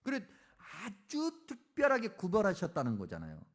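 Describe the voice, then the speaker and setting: Animated, high-voiced preacher. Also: male voice, moderate pace. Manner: animated, dramatizing Bible speeches. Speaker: pastor. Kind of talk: sermon. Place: church.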